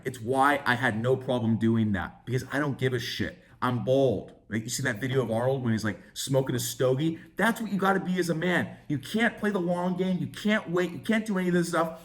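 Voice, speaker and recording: A young man, a dating coach, telling a brash, profane story in an animated vlog style. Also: mid-range voice.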